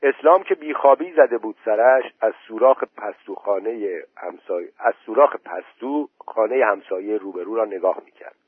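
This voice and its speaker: A man narrating a story aloud in a steady, measured audiobook reading. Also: fairly low pitch, slightly rough, dry recording. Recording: tinny phone-like recording.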